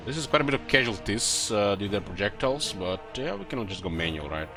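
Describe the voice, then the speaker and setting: Casual male gamer commentator, lower register, halting think-aloud delivery, clear music underneath. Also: expressive. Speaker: gamer commentating own play.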